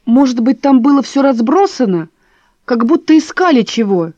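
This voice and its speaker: A woman's voice: sits high, lively intonation, moderate pace, dark tone, dry recording, voice pushed up. A woman voicing an impatient young woman who keeps pressing with questions, on a dull, dry recording. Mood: insistent. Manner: probing, insistent.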